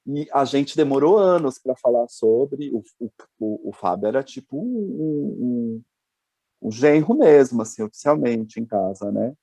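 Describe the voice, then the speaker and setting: A man's voice: mid-range voice, lively intonation, unhurried, warm tone, no echo. A male host, telling stories in casual chat and often restarting his sentences. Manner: chatty, hesitant restarts. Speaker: podcast host.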